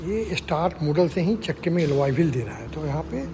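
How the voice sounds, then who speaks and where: A man's voice: on the high side, big pitch swings, fairly quick. Man running a noisy car walkaround. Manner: lists features, checks in with tag questions. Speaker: car reviewer. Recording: noisy on-location recording.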